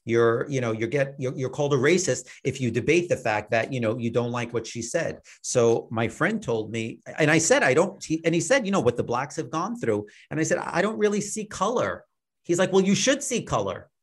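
A male talk show host puts a question to his guest, hesitant and halting, stumbling through filler words as he goes. His voice sits at a medium pitch. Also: lively intonation. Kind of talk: conversational interview.

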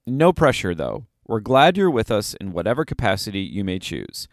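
A man co-hosting a podcast, talking with a lively, swinging pitch and laughing often. The recording is close and dry, with no room sound. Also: normal speed, no echo. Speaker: podcast co-host. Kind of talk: casual podcast chat.

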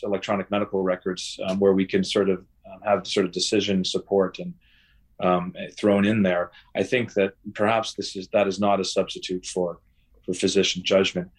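Measured man with many fillers. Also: fairly low pitch. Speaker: guest researcher. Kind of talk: podcast interview.

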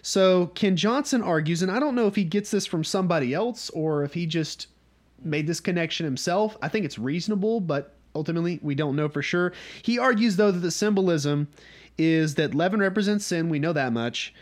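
Speaking briskly in a high, animated voice, this Southern-accented man from North Georgia runs a relaxed Bible study. His manner is conversational, and he frequently pauses to ask his listeners "okay?"

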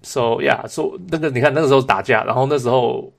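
A man's voice: mid-range voice, brisk, creaky. A man casually discussing sports as a co-host, mixing English words into his speech. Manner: code-switches between Mandarin and English.

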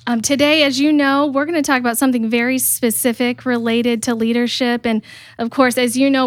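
A woman's voice: fairly high pitch, no echo, clean studio sound. A woman hosting an interview podcast, enthusiastic and chatty, with frequent fillers. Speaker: podcast host.

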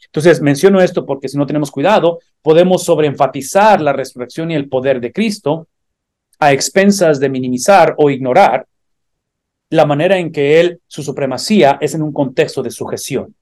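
Man, Bible class teacher, fairly high voice, earnest, repeats phrases for emphasis. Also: moderate pace, a little mellow. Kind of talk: theological teaching.

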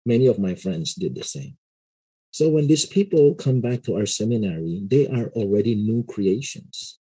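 A middle-aged man, a pastor and seminary lecturer, explaining his views in a casual interview in a measured way, often adding "you know". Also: lowish voice, very animated, mellow, slightly rough, low-quality recording.

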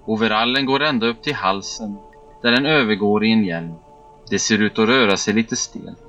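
A man telling a first-person story as scripted narration, in a measured, steady delivery. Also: mid-range voice. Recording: dull, muffled recording with faint background music.

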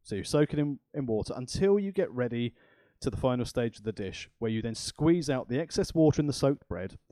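A man's voice: medium pitch, lively intonation, fairly quick, warm tone, dry recording. A man co-hosting a cooking podcast in a chatty, rambling way with self-deprecating asides. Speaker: podcast co-host. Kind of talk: casual chat.

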